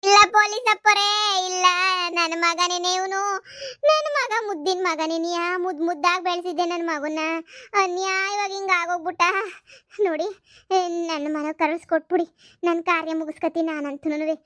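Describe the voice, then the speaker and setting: A woman voicing a rival old woman who claims the dead man as her son, pleading in shrill, stretched wails. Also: level tone, a little fast, dry recording, clean studio sound.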